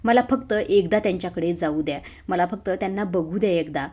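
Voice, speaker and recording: A gentle young woman from a retold serial scene, pleading softly and repeatedly, as a woman reads her lines. The voice sits a little on the low side. The tone stays earnest and imploring. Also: brisk, husky.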